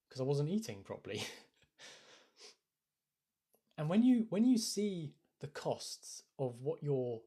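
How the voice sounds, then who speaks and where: A man's voice: on the high side, warm tone, husky. A British man from the UK, a life coach talking casually on a phone live stream, thoughtful and hesitant, often restarting his phrases. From United Kingdom.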